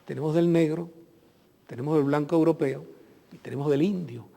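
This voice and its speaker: A man's voice: on the high side, a little fast, vocal fry, warm tone. A middle-aged man from Venezuela, a consular guest on a TV interview, speaking earnestly in long reflective lists. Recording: long hall reverb.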